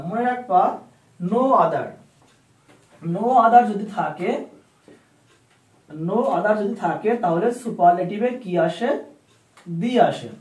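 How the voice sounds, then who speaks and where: A man's voice: sits high, a little mellow. A man teaching English grammar, asking questions and answering them himself. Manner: repeats key phrases, asks and answers own questions. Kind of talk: classroom lesson. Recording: roomy echo, a bit far from the mic.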